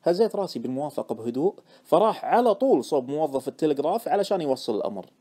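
A male audiobook narrator tells the story in the first person. His delivery is quick and animated, rising and falling freely, with a dark, mellow timbre. It is scripted, expressive narration. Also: fairly high pitch.

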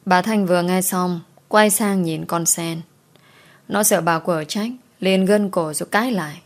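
A woman narrating a scripted story in a steady, expressive way. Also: lowish voice, measured pace.

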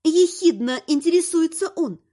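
Woman, audiobook narrator, high pitched, expressive, theatrical first-person reading. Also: moderate pace.

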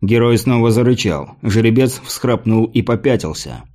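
A man narrating a fantasy audiobook in a measured, even storytelling manner. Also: mid-range voice.

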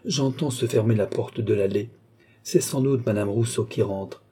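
A man plays an anxious aging philosopher in an audiobook. He speaks nervously and cautiously, in a low, dark and husky voice. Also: normal speed. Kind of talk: audiobook reading.

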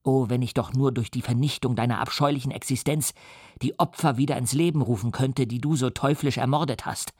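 A man's voice: medium pitch, fairly even intonation, brisk, darkish tone, breathy edge, no room sound, studio quality, close to an everyday voice. A man playing an enraged young male scientist who rails vehemently at his creation. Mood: furious. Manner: vehement, outraged declaiming.

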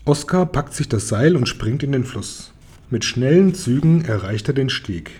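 A man calmly reading a children's book aloud. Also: mid-range voice, measured pace, slightly rough. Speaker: reader.

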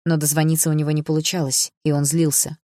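An audiobook narrator reading a story in an even, measured way. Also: medium pitch, dry recording, clean studio sound. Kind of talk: scripted narration.

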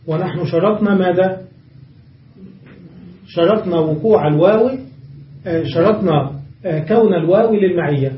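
High-voiced male grammar teacher. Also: a little hiss or hum. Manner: explains step by step with rhetorical questions. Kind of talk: classroom grammar lesson. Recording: dull, echoey room from far off.

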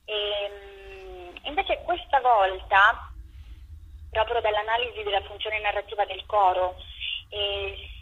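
A woman speaks over a muffled, band-limited phone line, interviewed as a theatre director. Her medium-pitched, husky voice explains her work thoughtfully and haltingly, with long, drawn-out pauses.

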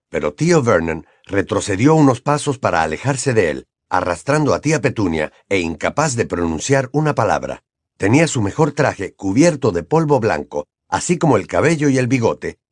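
Male narrator, expressive read, animated pitch, dry booth sound. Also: no room sound. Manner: expressive, jumps into character voices. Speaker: audiobook narrator. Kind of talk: scripted narration.

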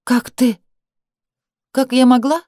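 A woman's voice: on the low side, a little slow, no echo, clean studio sound, close to an everyday voice. A woman doing a cold, haughty young woman. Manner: cold, clipped, contemptuous.

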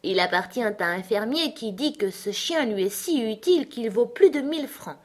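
A woman's voice: a little high, expressive, normal speed, voice pushed up. A woman voicing a curious, polite little girl who talks eagerly to please.

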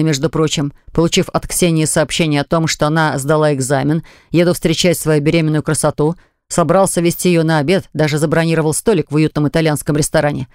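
Audiobook narrator: man, wry and sardonic, smooth resonant tone, slightly high, dry close mic. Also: no room sound. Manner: wry, sardonic, gruff in dialogue. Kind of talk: first-person audiobook narration.

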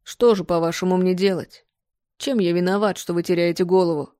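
A woman's voice: lowish voice, fairly even intonation, fairly quick, mellow, no room sound, studio quality, natural voice. A woman reading aloud voices a male painter who answers curtly and with restrained irritation. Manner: curt and brusque. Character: male painter, curt, irritated, then tender.

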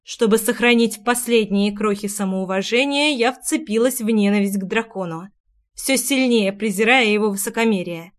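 A woman's voice: mid-range voice, moderate pace. A woman narrating a first-person audiobook in an intimate, emotional reading.

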